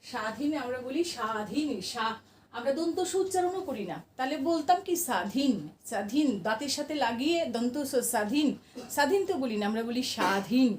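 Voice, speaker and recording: A woman with a high voice teaches a grammar lesson, patiently asking her class questions and answering them herself. She sits back from the microphone in a roomy, echoing space. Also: expressive, fast talker, recorded from a distance, slight background noise.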